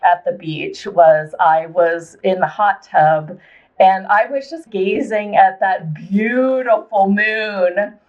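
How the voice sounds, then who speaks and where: A woman host chatting casually and telling stories in a dreamy, unhurried way, with a creaky voice. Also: medium pitch. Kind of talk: casual chat. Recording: dull, lo-fi audio.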